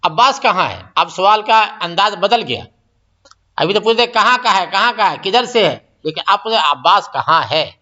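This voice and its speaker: A man with a high, bright voice teaches an Arabic lesson. He explains each phrase, then repeats it slowly and translates it. The recording is dull and lo-fi. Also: animated. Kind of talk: classroom-style language lesson.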